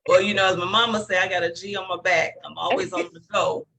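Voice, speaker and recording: Bright, upbeat woman guest who laughs often. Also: on the low side, fairly even intonation, poor audio. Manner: upbeat, laughs often, talks in quick bursts. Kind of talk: casual interview chat.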